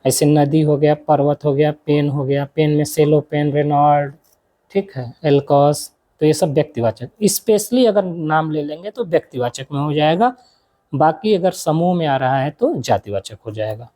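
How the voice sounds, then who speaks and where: Mellow-voiced grammar teacher explaining examples. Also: medium pitch, normal speed. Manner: asks questions and answers them himself, lists examples; mixes English words into explanations. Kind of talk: exam-prep grammar lesson.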